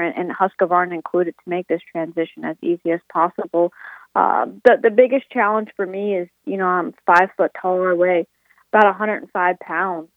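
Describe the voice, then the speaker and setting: A young woman answering interview questions over the phone, halting and full of fillers, on a tinny phone line. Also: lowish voice, dry recording. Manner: halting, filler-heavy speech. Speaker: racing guest.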